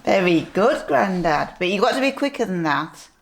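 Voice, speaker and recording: A sweet grandmotherly older woman reading a picture book aloud to young children, gently pointing things out as she goes. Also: mid-range voice, very animated, gravelly. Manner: slow, deliberate storytelling with asides.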